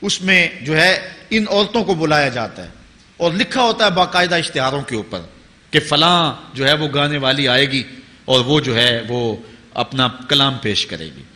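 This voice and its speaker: Male preacher, impassioned sermon, forceful voice, long hall reverb. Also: a little high, lively intonation. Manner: impassioned, rising to emphatic peaks, chanting Arabic quotations slowly. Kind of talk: Urdu religious sermon.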